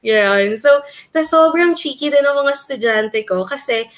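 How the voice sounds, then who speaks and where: A woman teacher talks through what she has seen in her classroom, mixing two languages in a relaxed discussion. She thinks aloud, pausing on frequent fillers as she lays out her examples. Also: sits high, poor audio. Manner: thoughtful, many um fillers.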